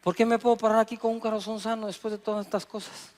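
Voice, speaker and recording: A man's voice: high-pitched, fast. A middle-aged man with a Guatemalan Spanish accent, preaching a sermon, acting out little dialogues and calling on the congregation to answer. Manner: lively preaching with acted dialogue and audience prompts. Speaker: pastor.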